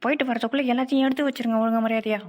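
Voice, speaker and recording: A cartoon mother scolds her two daughters in quick, nagging bursts, voiced by a woman. Her voice is high and her words tumble out fast. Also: fairly even intonation, darkish tone, natural voice. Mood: scolding. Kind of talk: homemade cartoon voice acting.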